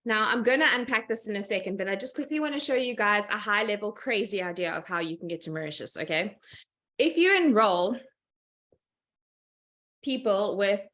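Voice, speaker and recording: Chatty, upbeat woman presenting over a video call; middle pitch, laughs between points. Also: bright, forceful tone. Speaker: guest speaker, sales team leader.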